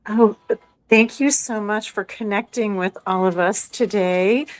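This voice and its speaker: A woman's voice: mid-range voice, unhurried, no room sound, poor audio. A middle-aged or older woman asking a question as a participant, sincere and grateful, searching a little for her words.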